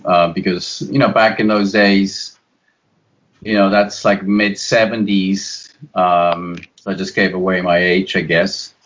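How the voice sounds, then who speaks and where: A low-voiced man from Switzerland in his fifties talks through a casual interview. He rambles and restarts often. The audio sounds dull and lo-fi. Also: a bit bright. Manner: rambling, frequent restarts and stammers. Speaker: guest, graphic designer.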